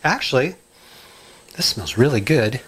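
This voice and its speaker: A middle-aged man chatting casually in his home kitchen, rambling and excitable, full of asides and ums. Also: mid-range voice, a little slow, slightly rough. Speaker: home cooking and gardening vlogger.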